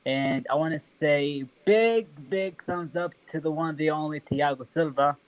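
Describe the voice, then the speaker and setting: Halting Arabic-speaking man, slightly high voice. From Saudi Arabia. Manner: hesitant, halting phrasing. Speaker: caller. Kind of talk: casual chat.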